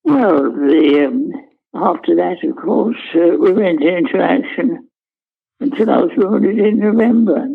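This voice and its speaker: An elderly man, a war veteran, remembering in an interview in a halting, understated, matter-of-fact way with searching pauses. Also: high-pitched, animated, creaky, breathy edge, narrow, tinny audio. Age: elderly, 90s. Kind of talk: unscripted interview reminiscence.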